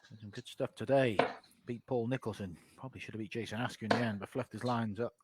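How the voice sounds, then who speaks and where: A man's voice: fairly low pitch, steady tone, quick pace. A man giving live sports commentary on a darts match. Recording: very noisy live stream sound.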